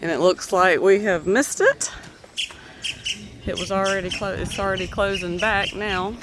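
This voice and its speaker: A man's voice: high voice, moderate pace, noisy background. A man hosting a vlog, chatting unscripted as he walks outdoors, stammering now and then. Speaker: vlog host. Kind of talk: casual walking-tour narration. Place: outdoors at a waterfront marina, walking.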